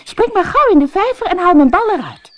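A woman voicing a spoiled, impatient young princess in a storybook reading, shrill and petulant, often sobbing. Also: big pitch swings, brisk, noisy background.

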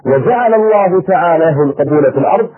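Fast-talking male preacher on a tinny line. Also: on the high side, animated. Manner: impassioned, acts out dialogue. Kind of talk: sermon. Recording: tinny phone-like radio sound.

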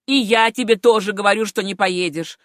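A woman's voice: mid-range voice, brisk, no echo, studio quality, lightly acted. A woman reading a scornful, bullying uncle. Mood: angry scolding. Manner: harsh, scolding, contemptuous. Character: stern angry middle-aged uncle, scornful and bullying. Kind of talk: audiobook character reading.

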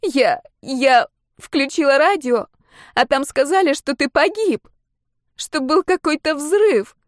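A woman voicing a distraught young woman who shouts and sobs in turn, in an audiobook. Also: takes it slowly, no echo, clean studio sound. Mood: sobbing. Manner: shrill shouting through sobs.

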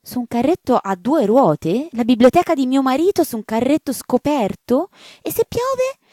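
Woman doing a high, fretful genteel marchioness. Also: very animated, moderate pace, mellow, no echo, clean studio sound. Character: naive, genteel elderly marchioness.

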